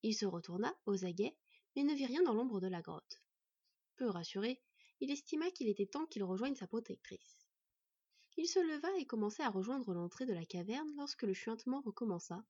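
Husky woman reading a fantasy tale. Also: on the high side, dry recording. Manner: steady, measured reading. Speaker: storyteller. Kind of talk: fantasy audiobook narration. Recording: dry, slightly dull recording.

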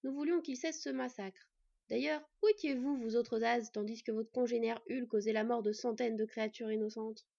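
A woman's voice: fairly high pitch, fairly even intonation, normal speed, gravelly, warm tone. A woman voicing a hot-headed young half-elf man who talks in raised, indignant outbursts. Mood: angry. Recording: dull lo-fi, dry.

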